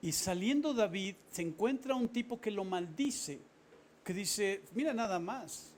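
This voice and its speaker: A man, a pastor, giving a sermon with animated storytelling and casual asides to the congregation. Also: sits high, a little slow, slight background noise.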